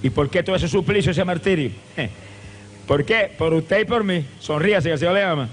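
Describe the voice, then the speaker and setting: A male evangelist preaching a fervent revival sermon, with impassioned repeated cadences and bursts of shouted praise. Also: on the high side, a little fast, slight background noise. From Puerto Rico.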